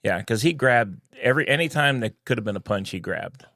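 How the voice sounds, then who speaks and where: A man's voice: medium pitch, animated, a little fast, bright, forceful tone. A man co-hosting a casual sports podcast over a video call, joking and teasing. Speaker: co-host.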